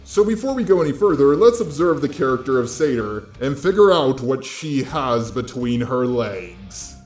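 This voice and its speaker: A man hosts online drama commentary videos, delivering scripted remarks bluntly and informally straight to his viewers. His mid-range voice has big pitch swings at a normal speed, and the recording has roomy echo with music underneath.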